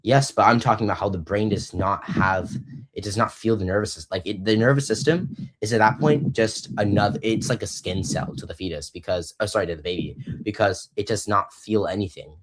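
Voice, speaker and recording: Very deep-voiced young man hosting a debate. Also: slight background noise. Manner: hesitant, restarts often, slows to press points. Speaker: debate host. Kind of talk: casual online debate.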